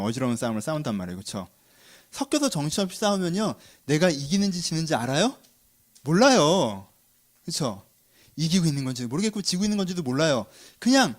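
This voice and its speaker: A man preaching a sermon, constantly asking his listeners questions and answering them himself. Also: high voice. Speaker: pastor.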